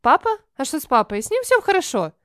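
A woman voicing a carefree young female coworker on the phone, light and breezy, speaking a little rushed. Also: high voice, big pitch swings, a bit bright, dry recording, studio quality, voice pushed up.

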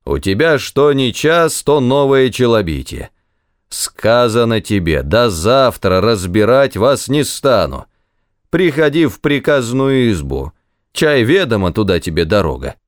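A man's voice: mid-range voice, very animated, slow pace, clear, resonant tone, no echo, studio quality, voice pushed up. A man voicing a stern, curt military governor who dismisses complaints angrily. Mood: dismissive.

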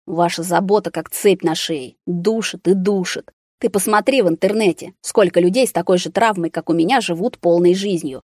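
A woman voicing a bitter, angry young man confined to a hospital ward, speaking sharply and at times shouting. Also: lowish voice, moderate pace, dry recording, clean studio sound, natural voice.

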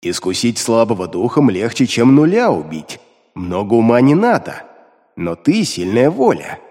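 A man voicing a contemptuous male demon who speaks inside the hero's head, slow, grumbling and scornful. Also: medium pitch, big pitch swings, darkish tone, pitched below the performer's own voice. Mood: scheming. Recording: long reverb.

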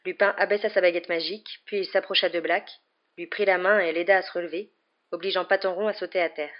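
A woman narrating an audiobook in a steady storytelling manner, on a slightly muffled recording. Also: lowish voice, fast. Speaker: audiobook reader. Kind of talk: scripted narration.

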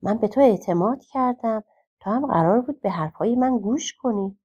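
A woman's voice: a little high, animated, dark tone, husky, dull audio, voice pushed up. A woman doing a wise reproachful old wizard. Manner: reproachful but forgiving. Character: wise stern old man with magic.

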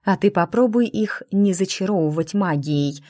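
A woman doing a protective, gently scolding older sister. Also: on the low side, normal speed, dry recording, clean studio sound, close to an everyday voice. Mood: gentle, firm. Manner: gentle but firm, scolding softly. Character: caring, protective young woman, elder sister.

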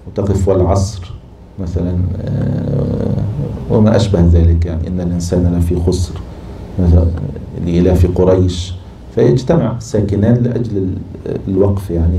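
A man with an Egyptian accent teaching a lesson and explaining a text, patiently repeating and spelling out syllables slowly. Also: deep voice, vocal fry, mellow, echoey room, slight background noise. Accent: Egyptian Arabic. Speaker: teacher of Arabic prosody.

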